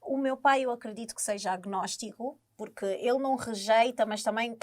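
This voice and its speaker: A young woman with an Angolan Portuguese accent, co-hosting a casual chat and thinking aloud with many pauses and fillers. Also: on the high side. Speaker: podcast co-host.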